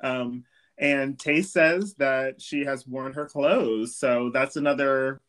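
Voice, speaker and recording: A man's voice: medium pitch, fairly even intonation, takes it slowly, a bit bright. A man hosting a podcast, recapping an episode in an easygoing way and giggling often. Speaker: podcast host. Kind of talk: casual recap chat.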